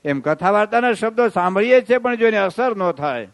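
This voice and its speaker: A man delivers a devotional sermon, moving between parables and sung verses. His voice sits high and sounds smooth and resonant, and he preaches with a storyteller's pull. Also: lively intonation, a little fast. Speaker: swami giving a religious discourse.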